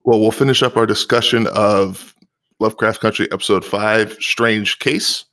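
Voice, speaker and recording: A man's voice: fairly low pitch, fairly even intonation, moderate pace, fairly bright tone. A man co-hosting a casual chat, adding precise, matter-of-fact corrections and literary references. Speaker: podcast co-host. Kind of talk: casual chat discussing a TV episode.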